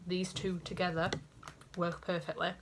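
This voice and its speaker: A young woman with a Yorkshire accent makes a beauty vlog in her small bedroom, chatting loosely to a camera at desk height in front of her and poking fun at herself as she rambles. Her voice is lowish and gravelly, delivered flatly at a normal speed, with background noise.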